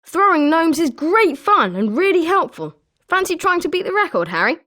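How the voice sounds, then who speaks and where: This is a woman with a British accent doing scripted lines for a video game as an eager, sporting schoolboy wizard. The voice is exaggerated, extremely high and sharp-toned, swinging widely in pitch at normal speed. She sounds chirpy, emphatic and encouraging.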